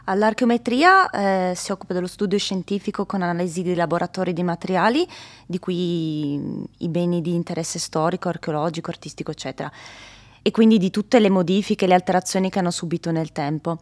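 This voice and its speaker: A woman's voice: on the low side, fairly quick. A young adult woman, a doctoral researcher, giving careful, technical interview answers with small hesitations.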